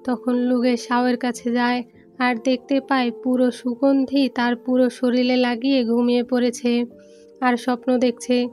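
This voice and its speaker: A woman narrating a film recap in a steady, even storytelling read, with soft music underneath. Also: a little high, a little slow. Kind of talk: scripted movie recap narration.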